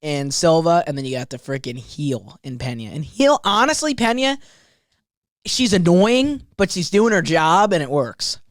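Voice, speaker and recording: A man's voice: a little high, normal speed, dry recording, clean studio sound. A man co-hosting a podcast, chatting casually about fights in a rambling way, full of fillers and restarts. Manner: animated, rambling, lots of fillers. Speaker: podcast co-host.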